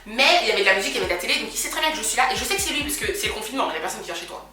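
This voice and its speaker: A woman vlogger retelling a story in an animated, dramatic way, laughing often, recorded at home in an echoey room with faint music underneath. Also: fairly high pitch, rapid-fire, far from the mic. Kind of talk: storytime vlog.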